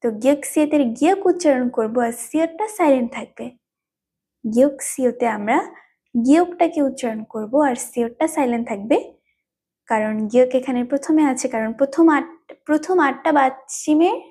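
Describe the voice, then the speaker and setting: A woman teaches a language lesson in a high, warm, soft-edged voice. She explains patiently and repeats each term several times so learners can follow. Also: breathy edge. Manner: repetitive.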